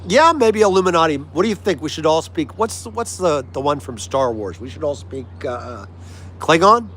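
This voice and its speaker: Fairly high in pitch and fairly bright, the animated voice of an American livestream host moves at normal speed as he chats with his live viewers. He's from the United States and keeps things casual, agreeable and friendly. The clear recording picks up vehicle-like ambience.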